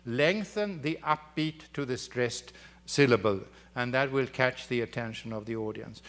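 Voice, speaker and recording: A man giving a university lecture on the voice. He explains step by step and often pauses to correct himself. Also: mid-range voice, a bit bright. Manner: halting, with many fillers and restarts. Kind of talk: academic lecture.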